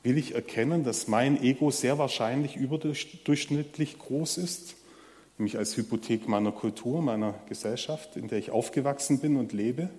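A man giving a sermon in a conversational way, speaking straight to the congregation and pausing often on fillers. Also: medium pitch, a little mellow, big-room sound. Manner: conversational, addresses the audience directly with many fillers. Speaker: preacher.

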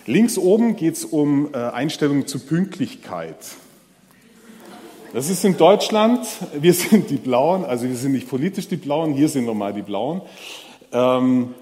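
A man giving a sermon in a conversational way, speaking straight to the congregation and pausing often on fillers. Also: medium pitch, dark tone, in a large hall. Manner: conversational, addresses the audience directly with many fillers. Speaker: preacher.

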